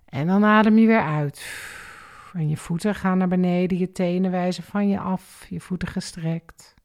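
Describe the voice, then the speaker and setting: A woman calmly guiding a relaxation and breathing exercise step by step, counting the breaths. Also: fairly low pitch. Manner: slow, calm step-by-step guidance with counted breaths. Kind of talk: guided exercise instruction.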